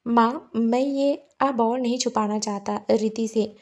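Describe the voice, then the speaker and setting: A woman voicing an earnest, gentle young husband in a spoken love story. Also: a little high, fairly even intonation, unhurried. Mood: earnest, tender. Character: young man, caring husband.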